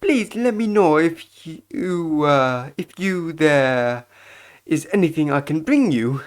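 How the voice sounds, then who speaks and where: A woman's voice: deep voice, animated, slow pace, voice pushed up. A woman voicing a fawning young male hotel bellboy who talks in an obsequious, overly polite way. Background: game music.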